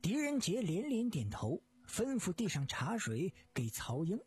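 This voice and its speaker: A storyteller narrating a detective tale in measured phrasing for radio. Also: medium pitch, wildly swooping pitch, a little mellow, husky.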